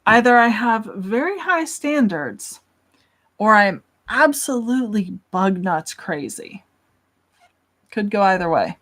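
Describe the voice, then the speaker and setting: A woman's voice: mid-range voice, lively intonation, slow, fairly bright tone. A young woman hosting a casual livestream, chatting and answering questions from chat in a self-deprecating way.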